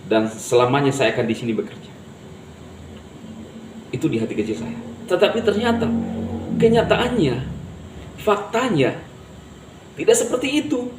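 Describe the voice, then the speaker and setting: A man's voice: a little high, very animated, normal speed, long pauses. A man hosting his own channel, giving a casual motivational talk to viewers in a chatty way, laughing at his own remarks. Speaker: channel host. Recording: echoey room with faint background noise.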